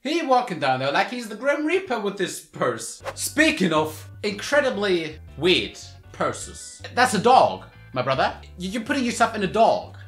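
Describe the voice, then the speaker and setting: A man riffing comedically on outfits, firing off mocking rhetorical questions. His pitch jumps all over as he exclaims. The room sounds echoey, with faint music underneath. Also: wildly swooping pitch, measured pace, a bit bright. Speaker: YouTuber reacting to fashion looks. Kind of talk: comedic reaction commentary.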